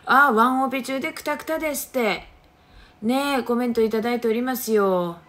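Fairly quick and fairly bright, her voice sits on the high side. This middle-aged Kagoshima woman hosts a casual phone livestream, greeting viewers by name in her local accent as she reads their comments.

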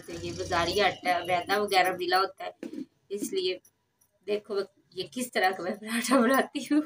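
A woman's voice: medium pitch, a bit bright. Young woman from Pakistan, chatty cooking vlogger who laughs a lot, light background noise. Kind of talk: casual cooking vlog. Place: rural courtyard, outdoors and in a brick kitchen.

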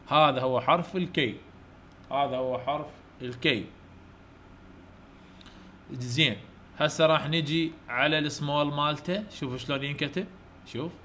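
A man's voice: mid-range voice, sharp tone, a little hiss or hum. A man with an Iraqi Arabic accent teaching English letters to children in an online lesson, coaxing them to repeat and praising them often. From Iraq.

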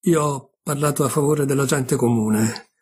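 A man's voice: mid-range voice, normal speed, darkish tone, husky. A man reading aloud as a boastful, dull-witted male bull god in a storybook tale. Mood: pompous.

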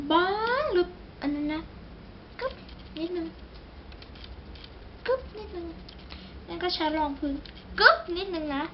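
A young woman doing a casual makeup tutorial, chatty and exclamatory, joking at her own expense and talking straight to her viewers. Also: high-pitched. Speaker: beauty vlogger. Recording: slightly dull recording with faint background noise.

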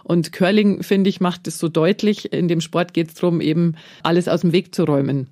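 Calm woman explaining parenting. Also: lowish voice, moderate pace. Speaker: parenting expert guest. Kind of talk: radio interview, explaining.

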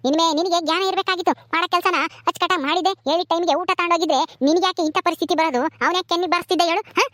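A woman voicing a harsh village mother-in-law in a family skit, scornful and nagging, tacking a sharp "haa?" onto her scolding. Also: very high-pitched, fairly even intonation, very fast, no room sound, clean studio sound.

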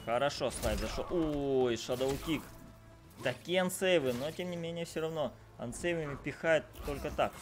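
Male esports caster over loud game music. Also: fairly high pitch, normal speed. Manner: slangy, exclamatory, repeats phrases for emphasis. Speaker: esports commentator. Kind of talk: live fighting game commentary. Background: fighting game music and sound.

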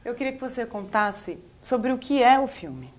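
A woman's voice: fairly high pitch, big pitch swings, moderate pace, crowd noise. A woman interviewing an actor, asking friendly, prompting questions.

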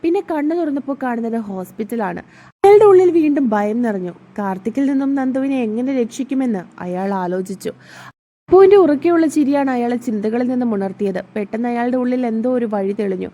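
A woman narrates a family drama like a storybook. Her voice is a little high, with a warm, mellow tone. She gives the dialogue small shifts of voice. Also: quick pace. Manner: reads all parts herself, lively shifts for dialogue.

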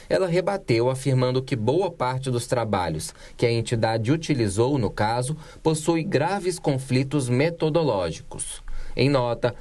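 Steady woman reading news. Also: rumbling low. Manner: steady, measured read. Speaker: news reporter. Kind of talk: scripted news narration.

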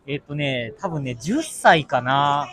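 Lively man answering a street interview. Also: a little high, slow pace.

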